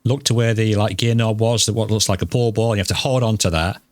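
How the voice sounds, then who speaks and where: A man with a low voice talks fast on a podcast, explaining how things work and often restarting mid-sentence. The recording is dry and close, with no room sound. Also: steady tone, no room sound. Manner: quick, explanatory, hesitant restarts. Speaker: podcast co-host. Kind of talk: casual podcast chat.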